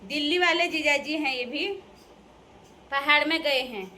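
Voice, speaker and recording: A young woman with a high, bright voice, chatting to her viewers in a casual vlog. Her manner is playful and teasing, and she laughs often. Faint noise sits behind her. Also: measured pace. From Uttarakhand hills. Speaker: vlogger addressing viewers.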